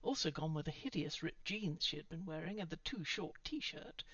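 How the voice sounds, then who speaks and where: A woman reads a story aloud with steady, measured narration. Her voice sits low and slightly dull. The recording is dry, with no room sound. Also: no echo. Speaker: audiobook reader. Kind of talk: reading fan fiction aloud.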